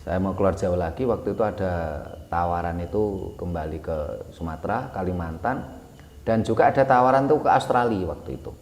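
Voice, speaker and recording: A man recounting his life in a relaxed, halting way, full of fillers and self-corrections. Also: deep voice. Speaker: guest telling his life story. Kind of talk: casual spoken memoir. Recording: echoey room with long reverb, faint music.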